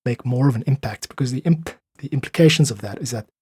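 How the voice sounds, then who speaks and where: Talking fast in a medium-pitched, slightly mellow and rough voice, this South African podcast guest is an independent musician. He lays out his ideas in earnest, articulate conversation, often using analogies, with no echo on the recording.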